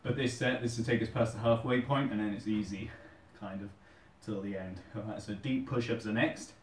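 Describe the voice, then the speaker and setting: A man's voice: fairly low pitch, steady tone, a little fast, a little hiss or hum. Male British fitness vlogger, informal chat during push-ups, recorded at a distance in a roomy, echoing space. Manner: chatting while doing push-ups, exerting himself. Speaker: host of a fitness challenge video. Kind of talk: casual workout vlog chat. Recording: roomy echo, distant microphone.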